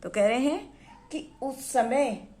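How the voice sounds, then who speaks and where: A woman teaching Hindi poetry on her own channel. She explains the verses line by line, glosses words, repeats herself, and reads the verse lines louder. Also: high-pitched, slow pace.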